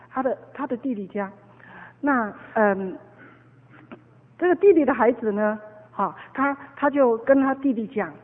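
A woman's voice: a little high, slightly rough. A woman preaching a sermon, telling a story with many fillers and repeated words. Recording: tinny phone-like echoey hall.

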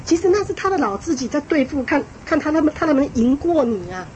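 A woman giving a lecture on parenting to an audience, lively and emphatic, repeating phrases and laughing lightly as she talks. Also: sits high, fast talker, lo-fi sound, a little hiss or hum. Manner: frequent small laughs. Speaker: parenting speaker.

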